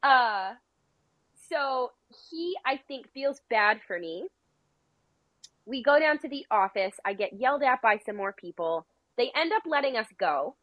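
A woman's voice: fairly high pitch, expressive, unhurried, no echo, dull audio. Brief: young woman, casual chatty storyteller, lots of fillers, dry close sound. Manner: rambling, filler-heavy, laughs between phrases.

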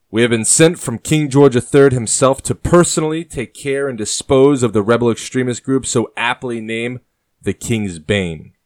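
A man's voice: medium pitch, no room sound, clean studio sound, voice pushed up, close to an everyday voice. A man voicing a fierce, smug middle-aged major general who barks orders at his soldiers. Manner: commanding, barking orders.

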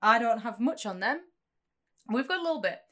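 A woman's voice: on the high side, lively intonation, fairly quick, pushed and bright. A woman co-hosting a casual podcast, chatting and sharing trivia in a jokey, playful way. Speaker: podcast co-host. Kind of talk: casual chat and trivia about a TV series.

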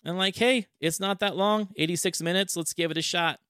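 A man's voice: high-pitched, fairly quick, clean tone, dry recording. Enthusiastic male podcast host, dry sound. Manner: enthusiastic, animated storytelling. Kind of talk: casual chat.

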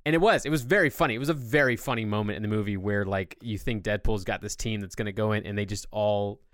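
A man's voice: lowish voice, fast, fairly bright tone, no room sound, studio quality. A man hosting a podcast, explaining things at length in a casual, enthusiastic way. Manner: long-winded enthusiastic explaining. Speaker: podcast host. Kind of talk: casual chat.

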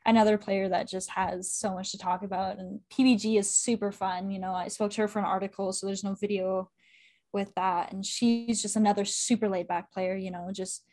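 A young woman from Canada, chatting enthusiastically as an interview guest, full of fillers and quick laughs. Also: medium pitch, level tone, darkish tone. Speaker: guest, women's football correspondent. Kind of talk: casual interview chat.

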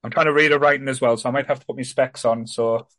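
A man's voice: mid-range voice, steady tone, quick pace, fairly bright tone, no room sound. A man hosting a podcast in casual chat, rambling and self-deprecating. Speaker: podcast host.

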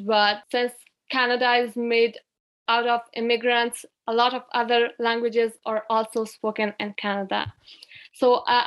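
A woman's voice: on the high side, a bit bright. A young woman from Afghanistan, co-hosting a podcast, who reads prepared facts and asks the questions. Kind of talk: podcast interview.

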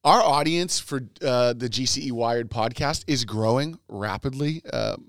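A man co-hosting a podcast with an easygoing, joking manner. He speaks at a middle pitch and sounds relaxed. The recording is close and dry. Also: a little slow, no echo. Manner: joking, easygoing, plugs the show. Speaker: podcast co-host. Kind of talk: casual podcast banter.

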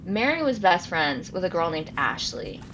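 Speaking in a lowish voice at a moderate pace, this nineteen-year-old Los Angeles woman is very animated as she co-hosts a laid-back storytelling podcast, wandering off on tangents and correcting herself. Noise fills the background.

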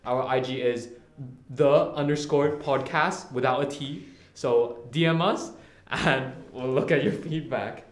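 Teen boy co-host, relaxed and jokey, roomy echo. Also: mid-range voice, measured pace. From Hong Kong. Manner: laid-back, joking. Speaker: podcast co-host. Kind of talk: casual chat. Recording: echoey room.

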